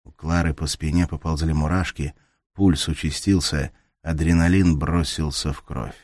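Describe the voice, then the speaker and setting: Very deep-voiced male audiobook narrator. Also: steady tone, moderate pace, a little mellow, no room sound, studio quality. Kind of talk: scripted narration.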